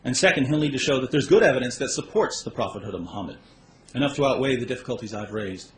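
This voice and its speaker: A man giving a measured, methodical closing statement in a debate, laying out his points one by one. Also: mid-range voice. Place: debate hall. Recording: echoey hall, faint background noise.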